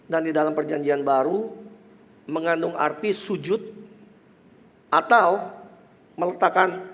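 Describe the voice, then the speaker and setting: In the big-room sound of a large church hall, a man with a slightly high, nasal, congested voice and an Indonesian accent preaches and leads prayer as pastor. English phrases crop up in his speech as he rises to emphatic preaching, then eases into soft, murmured prayer.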